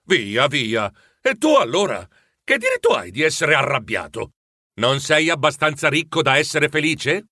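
A man voicing a cheerful, warm-hearted young male nephew in a storybook reading, friendly and upbeat. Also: a little high, very animated, moderate pace, no room sound, clean studio sound, exaggerated voice.

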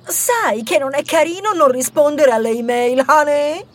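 A woman's voice: high voice, a little slow. A woman voicing a glamorous female mouse influencer who talks in an affected, cooing way full of pet names. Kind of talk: audiobook character voice.

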